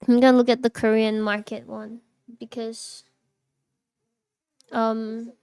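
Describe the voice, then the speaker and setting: A woman's voice: a little high, flat delivery, takes it slowly, darkish tone, clean tone. A young woman streaming live, chatting casually with her viewers, reacting and laughing often while answering chat.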